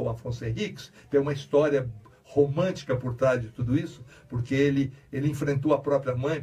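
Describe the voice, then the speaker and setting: A man's voice: medium pitch, mellow, slightly rough. A man, an author being interviewed on radio, telling rambling stories full of restarts and repeated words. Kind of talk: casual radio interview storytelling. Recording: distant mic, radio studio.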